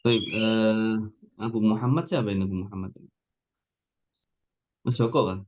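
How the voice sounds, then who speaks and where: A man's voice: on the low side, normal speed. A man teaching an Arabic class online, correcting a student's intonation by modelling the phrases for him. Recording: dull lo-fi sound.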